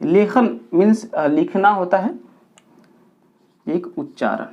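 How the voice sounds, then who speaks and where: Slow, patient man teaching a lesson. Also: sits high. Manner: slow, counts aloud step by step; repeats points for pupils. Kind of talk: whiteboard grammar lesson. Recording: dull lo-fi recording.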